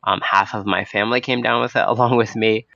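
Croaky young man with a cold, hosting a podcast. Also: on the low side, fairly even intonation, a little fast, bright, forceful tone, no room sound. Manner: hesitant, loosely unscripted. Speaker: podcast host. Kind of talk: casual, spontaneous podcast talk. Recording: dull, lo-fi close recording.

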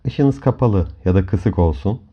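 A man hosting a guided hypnomeditation in a calm, soft, soothing voice, giving measured instructions with long pauses. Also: on the low side. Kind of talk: slow guided meditation narration. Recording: dull lo-fi audio under music. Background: clear background music.

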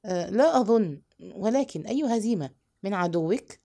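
A woman voicing an anxious, earnest young man, speaking in a hushed and hesitant way in a storybook reading. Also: mid-range voice, animated, normal speed, creaky. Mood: uneasy.

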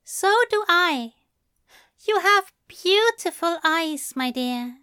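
A woman voicing a fussy, gentle male angel who speaks in a prim, courteous, old-fashioned way. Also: extremely high pitch, lively intonation, takes it slowly, no echo, studio quality, voice pushed up, full character voice. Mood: adoring. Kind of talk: fan audiobook reading.

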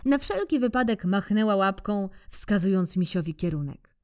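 A woman storyteller reading a children's book aloud in a warm, expressive, unhurried way. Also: mid-range voice.

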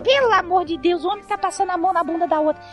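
A woman acting a scatterbrained, melodramatic married woman in a comedy sketch, shrill and swinging between scolding and swooning. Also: racing, over music. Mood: flustered.

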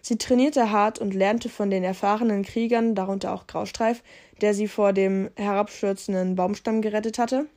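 A woman's voice: mid-range voice, fairly even intonation, moderate pace, mellow. A woman reading a story aloud in a casual, unpolished way. She trips over words and corrects herself as she goes, and stops now and then to comment. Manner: reads with slips and self-corrections. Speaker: podcast host reading a story.

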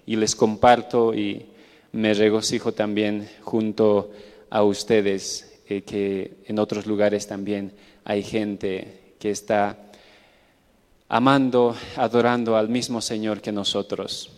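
A man gives a church testimony, hesitant and pausing often. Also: fairly low pitch, little pitch movement. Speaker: church missionary giving testimony. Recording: echoey hall with long reverb.

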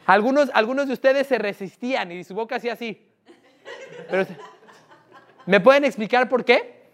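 A man's voice: extremely high pitch, normal speed. A man with a Mexican accent running a live sales workshop, asking the audience frequent questions. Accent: Mexican Spanish. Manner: lively, asks the room questions often. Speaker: sales trainer.

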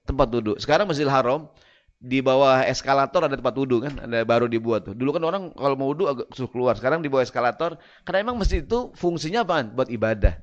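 A man's voice: mid-range voice, animated, fast talker, lo-fi sound. A man preaching a sermon to a congregation, joking and asking the crowd questions.

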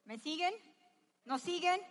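A woman's voice: very high voice, lively intonation, unhurried, big-room sound. A woman co-leading a seminar, emphatically declaiming affirmations and guiding an audience exercise in an auditorium. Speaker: seminar co-presenter.

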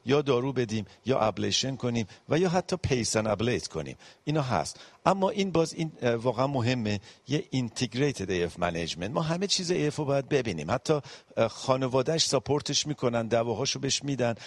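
A man giving a medical panel lecture on cardiology, explaining step by step with frequent pauses and English medical terms mixed in. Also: mid-range voice, vocal fry, no room sound. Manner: mixes English medical terms into his speech.

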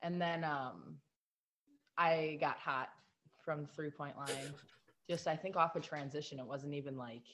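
A teenage girl answering interview questions in a relaxed, chatty way, often using "like" and "um". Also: low-pitched, a little slow. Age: teens. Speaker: guest, high school basketball player.

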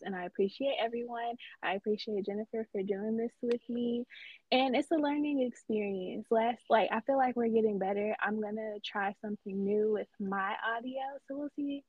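A woman's voice: on the high side, breathy edge, no echo, narrow, tinny audio. A woman co-hosting a podcast in casual chat, teasing and giggly, loose and informal. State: tipsy from wine. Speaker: podcast co-host.

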